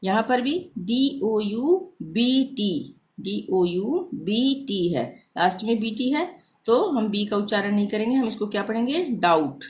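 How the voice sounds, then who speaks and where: Woman, teacher, spelling lesson, slow and patient, spells words letter by letter. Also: medium pitch, lively intonation, a little mellow. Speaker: language teacher.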